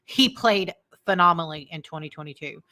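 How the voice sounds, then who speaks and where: A woman's voice: low-pitched, fairly quick, bright, forceful tone. An American woman talking casually as co-host of a live football fan show. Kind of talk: casual live sports chat.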